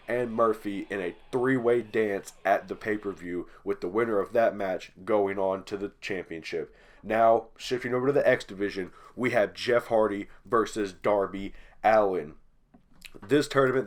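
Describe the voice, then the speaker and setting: A man with a stuffy, congested voice from allergies, hosting and calling play-by-play over a wrestling video game, getting loud on the big moves. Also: lowish voice. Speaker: channel host.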